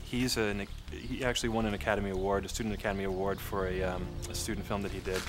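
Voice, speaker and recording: Low-voiced man interviewed over music. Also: little pitch movement, fast talker. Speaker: film director. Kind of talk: behind-the-scenes interview.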